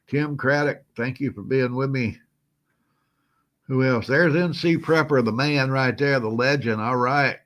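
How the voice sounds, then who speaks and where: Guy hosting his live chat, folksy and chuckly, feeling kinda slow today. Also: mid-range voice, a bit bright. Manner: folksy, chuckling, greets viewers by name. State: feeling unwell, moving slow. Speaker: host of a live stream. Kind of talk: casual live-stream chat.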